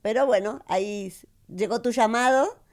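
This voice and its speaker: A woman from Argentina with an Argentine accent, co-hosting a podcast, reflective and quick to laugh. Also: on the high side. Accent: Argentine Spanish. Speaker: podcast co-host. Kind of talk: casual podcast chat. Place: farmhouse among orange trees.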